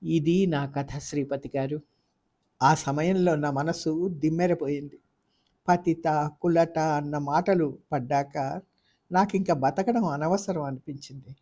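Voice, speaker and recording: A woman's voice: sits low, takes it slowly, mellow. A storyteller voicing a wounded young wife and mother who argues back in a Telugu audio novel. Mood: grieving. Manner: pleading then fiercely defiant. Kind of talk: audiobook character voice.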